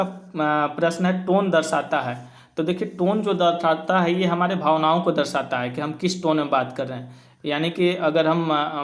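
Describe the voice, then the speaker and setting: A man teaching as he walks through an exam answer key. He explains each option patiently and mixes English terms into his explanations. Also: on the high side. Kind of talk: informal exam answer walkthrough.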